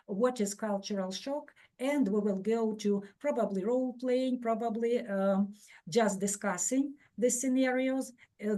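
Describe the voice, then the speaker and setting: A woman from Ukraine hosts an online teaching workshop, her voice warm and mellow. She talks in a measured, steady way, with the odd filler and restart. It sounds like a video call. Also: mid-range voice. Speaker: webinar presenter.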